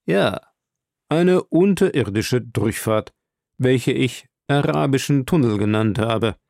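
A man reading the part of a stern, proud male submarine captain in an audiobook, speaking in a calm, measured and commanding way. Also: mid-range voice, creaky, dry recording, studio quality.

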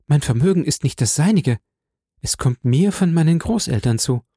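A gentle, frightened young noblewoman, voiced by a man reading an audiobook, pleading with a soft, breathy tremble. Her tone stays warm and mellow, never sharp. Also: a little high, expressive, normal speed, no room sound, studio quality, pitched above the performer's own voice. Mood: anxious pleading.

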